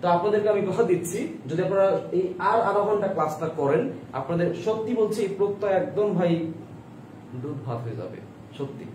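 Bangladeshi male teacher, high voice, echoey room. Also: brisk, darkish tone, a little hiss or hum. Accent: Bangladeshi Bengali. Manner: coaxing, asks students to answer in comments, repeats questions. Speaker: grammar teacher. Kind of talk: live online grammar class. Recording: echoey room, voice a bit far from mic.

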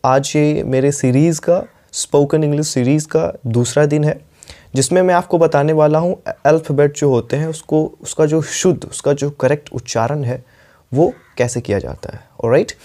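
A man with an Indian accent teaching English pronunciation, repeating words slowly and checking in with his students. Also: on the high side, dark tone. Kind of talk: spoken English lesson in Hindi.

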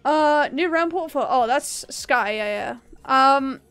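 A woman's voice: sits high, animated, unhurried, fairly bright tone, faint music behind. Chatty upbeat young woman streamer. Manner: chatty, upbeat, laughs often, talks to chat. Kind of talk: casual live-stream chat while gaming.

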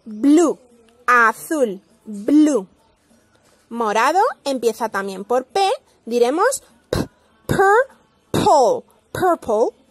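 A woman's voice: fairly high pitch, animated, slow pace, long pauses, no room sound. Woman teacher from Spain, models English words then explains them, dry close recording. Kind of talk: slow pronunciation lesson.

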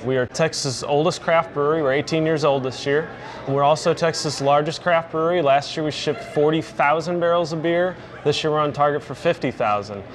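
A man's voice: on the high side, brisk. A man in a brewery taproom answering interview questions in an informative, matter-of-fact way. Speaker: brewery guest.

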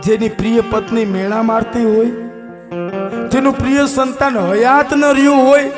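A man with a Kathiawadi Gujarati accent telling a folk story with music in an impassioned, declamatory way, moving from hushed to shouting. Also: extremely high pitch, fairly even intonation, moderate pace. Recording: music playing behind.

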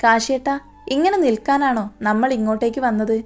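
A woman's voice: fairly high pitch, fairly even intonation, fairly quick, a little mellow, soft background music, natural voice. Woman voicing a shy young assistant. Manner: nervous, hesitant questions.

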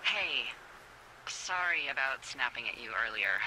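An actress voicing a wry, teasing woman fire lookout who talks over the radio in a video game, playful and quick to laugh. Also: rumbling low, lively intonation, pushed and bright, a little hiss or hum, exaggerated voice, poor audio. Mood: candid.

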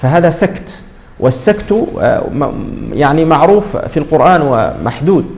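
A man teaching a tajweed lesson, explaining patiently and repeating words slowly to model their pronunciation. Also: a little high, very animated, darkish tone. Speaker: Quran recitation teacher.

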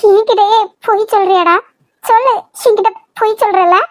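A performer voicing a caring, perceptive middle-aged mother in a cartoon, who gently scolds and probes her son. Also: very high voice, fairly even intonation, normal speed, dry recording. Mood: probing. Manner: gently scolding, probing, affectionate. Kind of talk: cartoon voice acting.

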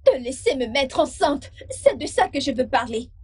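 A scornful senator's daughter. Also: female voice, high-pitched, sing-song, normal speed, a little mellow. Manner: scornful, cutting. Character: haughty senator's daughter, contemptuous young woman. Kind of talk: French dub of a film.

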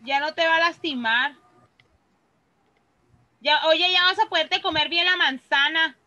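A woman's voice: extremely high pitch, sharp tone, lo-fi sound. An adult woman teacher with a Mexican accent, leading a class for children and patiently reading words aloud one by one. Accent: Mexican Spanish. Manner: patient, reads words aloud slowly and clearly.

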